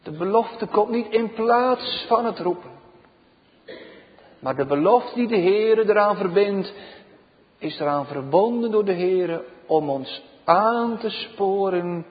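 A man preaching a sermon, slow and emphatic, his voice swelling loud and then dropping to a hush. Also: high-pitched, lively intonation. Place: church. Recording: dull reverberant church recording.

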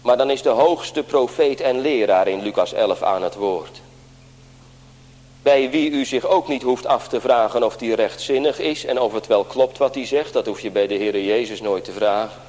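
A man's voice: mid-range voice, moderate pace, a little mellow. A man pastor preaching an earnest sermon in a church, often turning to address the congregation directly. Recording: long church reverb.

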